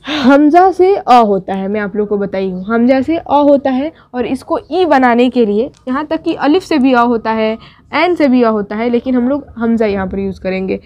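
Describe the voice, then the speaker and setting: A woman's voice: fairly high pitch, animated, moderate pace, darkish tone, highs cut off. A woman teaching Urdu script step by step, patiently walking students through each letter and checking in often. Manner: patient, repeats and checks with "thik". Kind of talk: step-by-step writing lesson.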